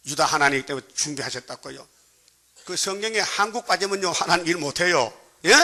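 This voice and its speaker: A man's voice: high voice, sharp tone. A male pastor with a Gyeongsang Korean accent preaches a sermon in a colloquial, joking way, constantly prodding the congregation with questions.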